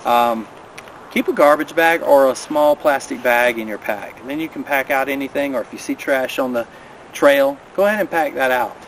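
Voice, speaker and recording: A man in his thirties talks through hiking gear in a friendly, practical way, standing by a river in a mountain valley. The camera sits a few steps off, and clear outdoor noise runs behind his voice. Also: medium pitch, normal speed, fairly bright tone, poor audio. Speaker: vlogger. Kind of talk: casual outdoor gear rundown. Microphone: camera a few steps away.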